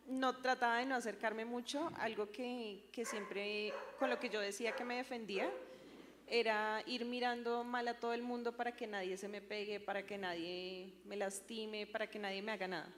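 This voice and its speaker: A woman's voice: fairly high pitch, in a large hall, noisy background. A young woman, sharing a personal church testimony in a hesitant way with many fillers. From Colombia. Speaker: church member giving testimony.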